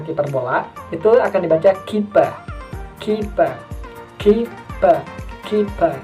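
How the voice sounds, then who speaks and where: A low, mellow-voiced woman with an Indonesian accent teaches English pronunciation in a relaxed, chatty video lesson. She repeats each example word slowly, drawing the sounds out. She sounds a little far from the mic, with faint music behind her.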